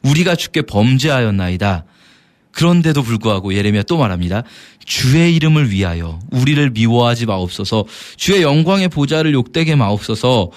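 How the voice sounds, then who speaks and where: Animated man explaining scripture. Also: mid-range voice, normal speed. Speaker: Bible teacher. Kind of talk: radio Bible explanation.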